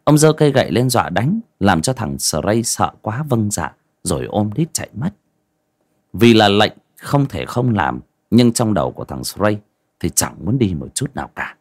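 A man's voice: fairly low pitch, very animated, normal speed, darkish tone. A man narrating a folk story with a dramatic, varied delivery.

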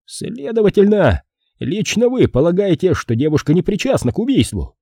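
A man voicing a nervous, shrill little male police officer who is easily offended, in an audiobook reading. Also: sing-song, moderate pace, warm tone, dry recording, studio quality, heavily acted. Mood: indignant. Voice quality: shrill, shrieking. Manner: prim, indignant, easily offended.

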